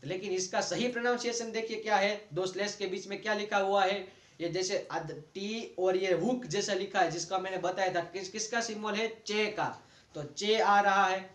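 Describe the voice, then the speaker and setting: Indian male tutor, high voice, patient explainer, echoey room. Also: steady tone, fairly bright tone. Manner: patient, repeats words slowly to model sounds. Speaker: teacher. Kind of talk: online lesson explaining dictionary pronunciation.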